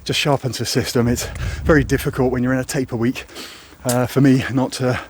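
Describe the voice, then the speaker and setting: A man with a British accent speaks casually, as if to regular viewers of his vlog. His voice sits at an average pitch. The recording sounds like it was made outdoors, with clear ambient and traffic noise. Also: level tone, fairly quick. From Britain. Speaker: running vlogger.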